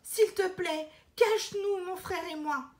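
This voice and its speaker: A desperate little girl begging for help in a storybook, as a woman reads her. Her voice climbs high and pushes forward with urgency. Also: a little slow, a little mellow. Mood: pleading.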